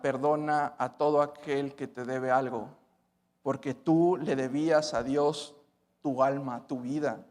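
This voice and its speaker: A male pastor preaching a sermon, swinging between loud emphatic lines and hushed ones. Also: medium pitch. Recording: church hall reverb.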